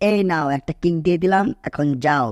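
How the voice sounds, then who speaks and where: A man's voice: a little high, brisk, no echo, studio quality, close to an everyday voice. A man voicing Tom, a boastful, scheming cartoon cat who blusters, threatens and groans. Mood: blustering. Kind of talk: cartoon dub acting.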